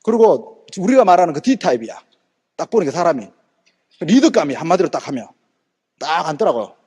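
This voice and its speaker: A man's voice: fairly high pitch, normal speed, slightly rough. A man giving a motivational seminar talk, telling a story with fiery energy, acting out the people in it and asking his audience rhetorical questions. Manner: fiery, animated, acts out quoted people. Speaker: direct sales motivational speaker.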